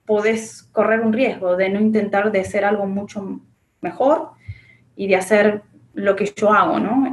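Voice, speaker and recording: Self-assured Argentine woman, earnest. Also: mid-range voice. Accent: Argentine Spanish. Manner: earnest and self-assured, with many fillers and restarts. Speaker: interview guest, accountant and business owner. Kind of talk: reflective interview answers. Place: small indoor office with a framed picture.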